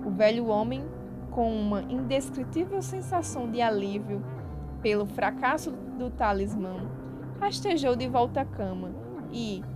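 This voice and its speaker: Female storyteller, fairly high voice, measured dramatic reading, music bed behind. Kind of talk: reading a short story aloud. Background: background music.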